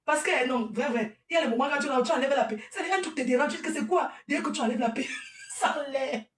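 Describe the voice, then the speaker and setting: A woman delivers a scolding livestream rant in a high voice. She often breaks into laughing asides. The sound is roomy and echoey, with the speaker sitting some way back from the mic. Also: fast talker, a little hiss or hum. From Cameroon. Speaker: event organizer. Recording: echoey room, distant from mic.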